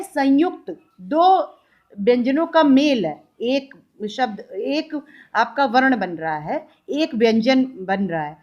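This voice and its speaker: A school teacher with an Indian accent and a high voice works through a recorded lesson for young pupils. She talks patiently, repeats each example and sounds it out slowly, and keeps posing questions that she answers herself. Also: a little mellow, highs cut off.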